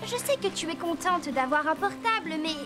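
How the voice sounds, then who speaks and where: A woman dubbing a friendly, sensible teenage girl rider in a cartoon, speaking in a calm, kind and reasonable way. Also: very high-pitched, normal speed. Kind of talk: French cartoon dub. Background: music.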